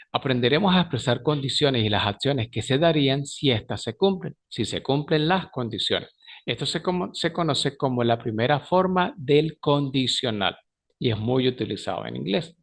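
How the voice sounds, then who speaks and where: A man's voice: mid-range voice, animated, normal speed. A man teaching an English lesson, who often stops to correct himself mid-sentence. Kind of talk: recorded language lesson.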